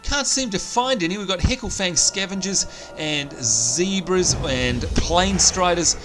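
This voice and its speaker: A let's play host sits high in pitch and sounds animated yet unhurried as he chats upbeat through his gameplay, thinking aloud. His voice is strained, almost lost. Game sounds and music play in the background.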